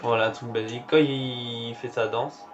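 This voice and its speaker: A man's voice: mid-range voice, fairly even intonation, normal speed. A man giving casual, reactive commentary while showing characters in a game. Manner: reactive, exclaiming at what appears on screen. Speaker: gameplay commentator. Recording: dull lo-fi recording with faint game music.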